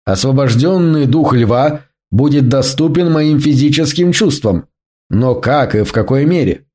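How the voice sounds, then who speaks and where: A man voicing a haughty, skeptical man in an audiobook, sarcastic and prone to high, loud exclamations. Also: lively intonation, unhurried, lightly acted. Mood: ironic. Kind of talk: audiobook reading.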